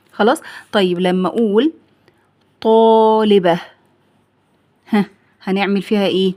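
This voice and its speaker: A young Egyptian woman teaches a primary school grammar lesson at a brisk, rapid clip. She fires off questions and then answers them herself, slipping into the pupil's voice. Her pitch sits in the ordinary middle range for a woman. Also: a little mellow. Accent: Egyptian Arabic. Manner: asks and answers her own questions, acting out the pupil's replies.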